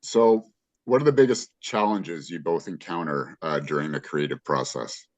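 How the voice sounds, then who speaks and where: A man's voice: rumbling low, moderate pace, darkish tone. A man interviewing two composers, asking brief, polite questions. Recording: dull lo-fi audio.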